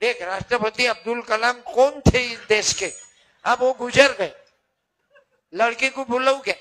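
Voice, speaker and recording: An older man, his voice very high and his pace measured, delivers a devotional folk kirtan sermon. He teases his audience in a chatty way and picks out individual listeners, while loud accordion plays behind him.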